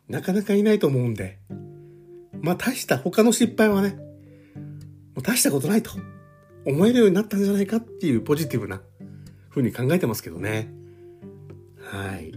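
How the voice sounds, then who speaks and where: A man's voice: mid-range voice, a little mellow. A man in his forties hosting a solo podcast, chatting in a loose, easygoing, self-deprecating way about his own life. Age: 40s. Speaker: podcast host. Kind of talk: rambling solo podcast chat.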